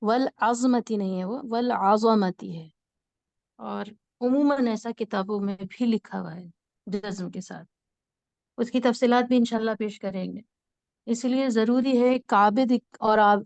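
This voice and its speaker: A woman teacher with a fairly high voice explains grammar patiently, repeating key words to make them stick. The sound is dry, with no room echo at all. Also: vocal fry, a little mellow. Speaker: Arabic teacher. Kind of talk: online class lecture.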